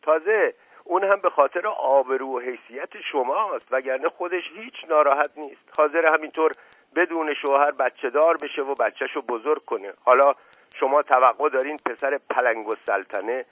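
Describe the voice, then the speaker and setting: A man's voice: medium pitch, no echo, pitched above the performer's own voice, close to an everyday voice. A man voicing a witty middle-aged aristocrat who mocks and teases in a playful, sarcastic way, on a tinny radio recording. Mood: mocking. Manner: playful, sarcastic, repeats "moment" as a quip.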